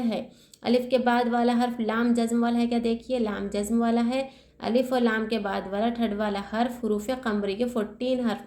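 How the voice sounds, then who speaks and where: A woman teaching Quran recitation step by step. She asks her own questions and answers them, and she spells out letters slowly. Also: on the high side, darkish tone. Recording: echoey room.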